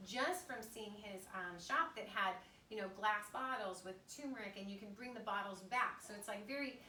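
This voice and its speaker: A woman's voice: mid-range voice, normal speed, pushed and bright. A woman in her fifties hosting a podcast interview, chatty and enthusiastic, rambling from point to point. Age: 50s. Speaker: podcast host. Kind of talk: casual interview chat. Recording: echoey room, distant mic, faint noise.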